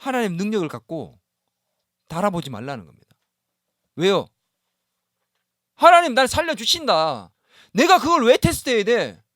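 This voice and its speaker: A man's voice: high-pitched, huge pitch swings, moderate pace, pauses often, no room sound, studio quality. A male pastor preaching a sermon in a church, often asking the congregation questions and acting out the words of doubting believers. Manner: voices doubting believers in first person. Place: church sanctuary.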